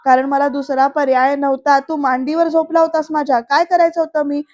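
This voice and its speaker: A woman's voice: high-pitched, level tone, brisk, darkish tone, muffled recording, natural voice. A woman voicing an indignant young wife defending herself.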